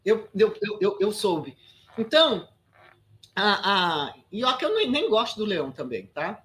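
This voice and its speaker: A woman's voice: medium pitch, measured pace. Emphatic Brazilian woman in her sixties. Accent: Brazilian Portuguese. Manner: emphatic, animated, frequent restarts and "sabe?" asides. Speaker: guest actress. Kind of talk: casual interview storytelling.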